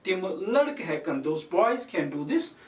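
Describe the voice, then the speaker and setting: Male language teacher, slow unhurried delivery, repeats examples, roomy echo, mic far off. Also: high voice, big pitch swings. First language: Kashmiri. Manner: repeats each example word by word while explaining. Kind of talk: recorded language lecture.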